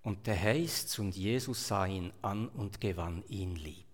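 Preaching in a reverberant hall, a man from Switzerland with a Swiss German accent narrates his sermon like a story, moving between loud stresses and quiet asides. His voice sits low and he keeps a measured pace.

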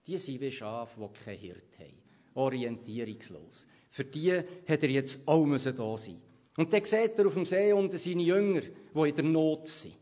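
A man with a Swiss accent preaching a sermon, swinging from loud to hushed and putting questions to the congregation. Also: mid-range voice.

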